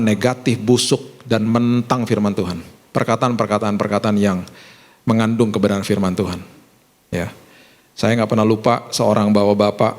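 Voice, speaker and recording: A middle-aged man preaching a sermon as a pastor, conversational and animated, acting out quoted voices and rising high when he stresses a point. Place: church hall. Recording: preaching in a hall with long reverb.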